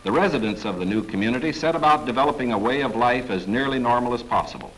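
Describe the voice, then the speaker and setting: A man giving formal, measured 1940s government newsreel narration. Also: medium pitch, animated, fairly bright tone, rough recording. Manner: formal, measured, authoritative delivery. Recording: narration over clear background music.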